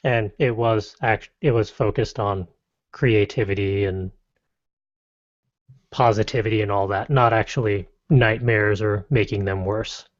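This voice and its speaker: A man hosting a casual podcast, reading lists briskly and adding wry, playful asides. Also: on the low side, steady tone. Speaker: podcast host. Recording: dull lo-fi dry podcast audio.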